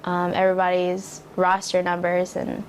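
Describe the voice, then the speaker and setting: A woman's voice: lowish voice, completely flat delivery, moderate pace, a little hiss or hum, poor audio. A young American woman, a recruit, giving a casual, reflective personal account. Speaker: military recruit.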